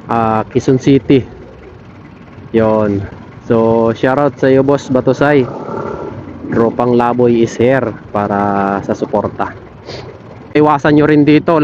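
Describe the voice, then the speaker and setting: A male motorcycle vlogger with a medium-pitched voice chats casually while riding through evening city traffic, friendly and giving shoutouts to viewers. His helmet intercom feeds an action camera, so the audio is slightly muffled. Traffic, engine, and street noise sit faintly beneath him.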